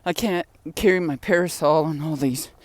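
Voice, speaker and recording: An older woman vlogger with a deep voice speaks at normal speed, and the recording has no room sound. She's walking home outdoors in the wind with groceries, telling chatty, rambling stories about her family and pets, punctuated by laughs and sighs.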